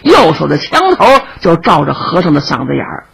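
A woman narrating a traditional story, dramatic and vivid, with a raspy voice. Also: low-pitched, wildly swooping pitch, a little fast, low-quality recording.

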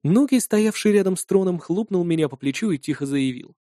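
Guy reading a fantasy audiobook, dark mellow voice, dry close sound. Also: high voice, lively intonation, a little fast, dry recording. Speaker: audiobook narrator. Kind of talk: first-person fantasy narration.

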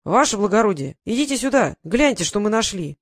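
A man voicing an eager, simple soldier with folksy talk, raised in pitch and loud. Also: big pitch swings, fairly quick, dry recording, clean studio sound, heavily acted.

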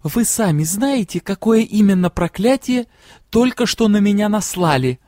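A cold, enraged academy director hisses each word slowly through clenched teeth, voiced by a male reader. His voice drops lower than the narration and lands heavily, with barely held-back anger. It is heard dry and close, with no room sound, in the manner of a storybook reading. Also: expressive, a little mellow, no echo. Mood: menacing. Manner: slow hissing menace. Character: furious stern male magister, academy director.

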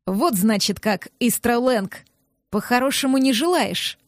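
Woman playing a snarling rough neighbor man, slow heavy growl, lower and louder, dry sound, audiobook. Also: animated, dry recording. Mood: contemptuous. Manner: growling, barking commands. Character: rough, angry bearded young male neighbor.

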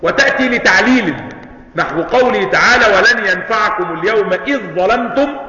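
A man's voice: high-pitched, lively intonation, brisk, sharp tone. A man with an Egyptian accent teaching a lesson on grammar and jurisprudence, checking often that his students follow and reciting verses. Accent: Egyptian Arabic. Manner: asks students questions often; quotes and recites Quranic verses. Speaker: Islamic studies teacher. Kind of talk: recorded lesson. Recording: dull, echoey hall recording.

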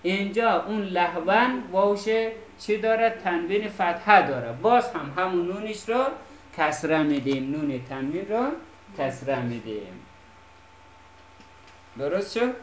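A man's voice: high voice, lively intonation, a little hiss or hum. A man teaching an Arabic reading lesson, patiently checking that students follow. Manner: patient, checks understanding with repeated questions. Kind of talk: classroom Quran reading lesson. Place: classroom. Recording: echoey classroom.

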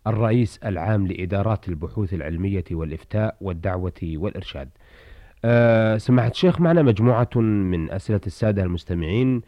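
A man hosting a radio programme, formally reading listeners' letters in a measured, classical manner. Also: low voice. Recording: dull lo-fi old radio recording.

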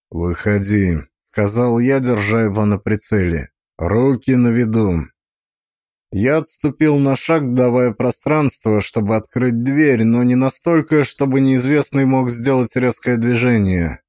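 A man giving a measured, suspenseful reading as an audiobook narrator, in scripted narration. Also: mid-range voice, a little mellow, no echo, studio quality.

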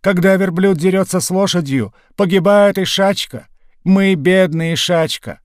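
A man's voice: normal speed, smooth, dry recording, studio quality, natural voice. A man voicing a frail, tearful old village elder who pleads in broken speech. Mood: pleading. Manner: broken speech, wailing high voice.

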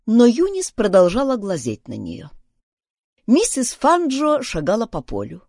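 A woman narrating a children's detective story in an expressive reading voice. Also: on the high side, unhurried, dry recording, clean studio sound. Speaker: audiobook narrator.

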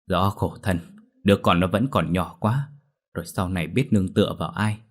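A man's voice: sits low, normal speed. A man doing a fretful older villager. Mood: worried. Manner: rough-spoken, fretful. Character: anxious older male villager.

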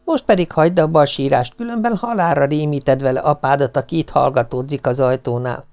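A man's voice: fairly high pitch, darkish tone, clean tone, lightly acted. A man voicing a scatterbrained, carefree mother who chats airily in an audiobook. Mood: reassuring.

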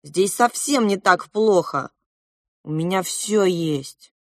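A woman voicing a spoiled, capricious young prince who is bossy and excitable. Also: fairly low pitch, slow pace, dry recording, studio quality.

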